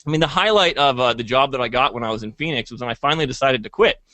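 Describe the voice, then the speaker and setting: A man's voice: medium pitch, rapid-fire, sharp tone, no echo. A young man casually telling a rambling, profane story as co-host of a sales talk. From Hawaii.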